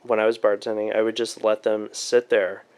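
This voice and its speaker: A man's voice: fairly low pitch, level tone, normal speed, darkish tone, clear, resonant tone. A man talking as a podcast guest in loose, casual chat, swearing now and then.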